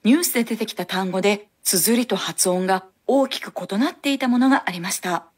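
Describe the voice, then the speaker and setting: A woman hosting a language lesson, giving clear, instructive scripted explanations on a studio microphone. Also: medium pitch, fairly quick.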